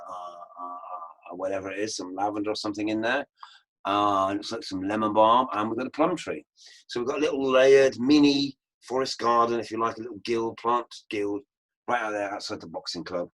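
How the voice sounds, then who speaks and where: A man teaching an online permaculture course, talking over slides in an unhurried, anecdotal way. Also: lowish voice, a bit bright, poor audio.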